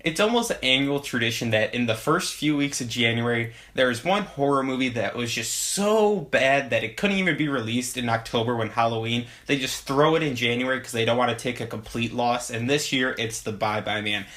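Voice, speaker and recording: A man's voice: medium pitch, a little fast, hardly any pauses, a bit bright. Sarcastic young man reviewing a movie. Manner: sarcastic, laughs while talking. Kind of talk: casual video review.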